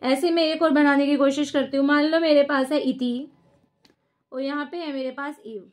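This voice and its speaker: A young woman teaches a casual lesson with a high voice. She works through examples one by one, asking a question and then answering it herself. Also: steady tone, moderate pace.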